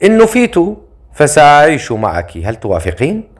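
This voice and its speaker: A man's voice: medium pitch, lively intonation, fairly quick, natural voice. Wry young prince voiced by a man, teasing, sighing, storybook reading, mid-range voice.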